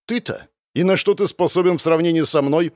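A man voicing an arrogant young male hero who speaks in a flat, dismissive way in an audiobook. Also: a little high, a little fast, dry recording, voice pushed up, natural voice. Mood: scornful. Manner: monotone, dismissive.

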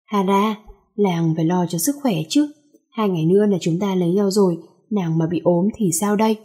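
A woman's voice: mid-range voice, normal speed, warm tone, husky, lightly acted. Woman reading as a commanding young emperor. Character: young male emperor, possessive, commanding, doting.

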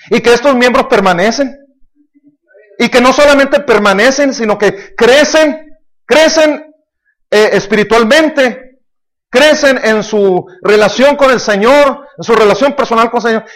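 Pastor, very high voice, emphatic sermon delivery, asks the congregation questions. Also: male voice, measured pace, a bit bright.

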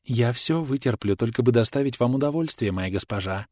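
A man's voice: mid-range voice, animated, a little fast, dry recording, studio quality, close to an everyday voice. A man voicing a cheeky young woman who plays a mock-servile maid and then snaps back sharply. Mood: mock-submissive. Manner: sly mock-submissive, then sharp and whining.

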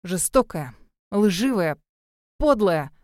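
A woman's voice: lively intonation, moderate pace, dry recording, studio quality, natural voice. A woman doing a whiny jilted young man. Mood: accusing. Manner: indignant, stammering, shrill outbursts.

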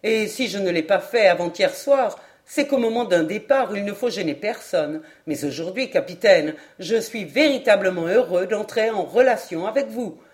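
A chatty, effusive gentleman traveler, read by a woman, who pours out words and hops from topic to topic with eager, raised energy. His voice rides a little louder than the narration around it, in an audiobook reading. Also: medium pitch, lively intonation, moderate pace, hardly any pauses, lightly acted. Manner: voluble, effusive, jumps between topics. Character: talkative, excitable male foreign traveler.

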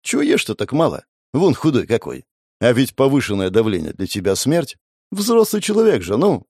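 A playful, bossy young woman in an audiobook story, teasing and nagging with a lively, swinging voice, as a male narrator puts her on. The sound is dry and close. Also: medium pitch, moderate pace, breathy edge, dry recording, heavily acted. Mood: scolding. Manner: teasing, scolding.

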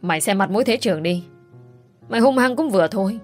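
A woman's voice: medium pitch, animated, quick pace, darkish tone, close to an everyday voice. A woman voicing a fussy middle-aged mother-in-law who scolds and exclaims, with faint music behind. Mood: scolding.

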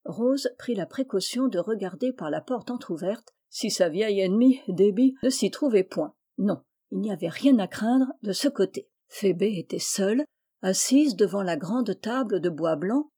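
A woman reads a storybook aloud with calm, measured pacing. Her voice is mellow and warm, at a medium pitch. The delivery is steady and unhurried. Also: slightly rough. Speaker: audiobook reader. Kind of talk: scripted storybook narration.

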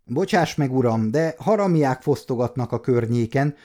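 A man's voice: medium pitch, expressive, warm tone, natural voice. A man voicing an apologetic, deferential steward in an audiobook. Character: apologetic male steward, older servant.

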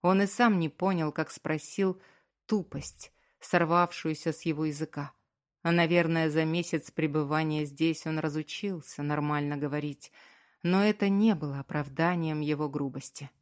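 A woman reads a dramatic novel aloud, her voice sitting slightly low and leaning expressively into each scene. It is scripted storytelling narration. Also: fairly even intonation, normal speed. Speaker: audiobook narrator.

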